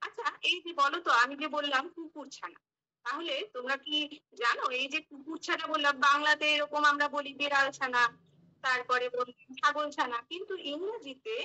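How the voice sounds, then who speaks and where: A woman runs a demo lesson for young children. She spells English words one letter at a time and asks the class questions before giving the answers. Her voice sits high and sounds very bright. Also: rough recording. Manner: mixes English phrases into the lesson. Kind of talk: mock classroom teaching.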